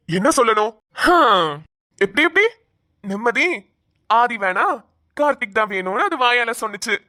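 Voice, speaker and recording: A woman's voice: fairly high pitch, pushed and bright, no echo, clean studio sound, voice pushed down. A woman voicing a young man in a cartoon, complaining with exasperation that he is not being heard.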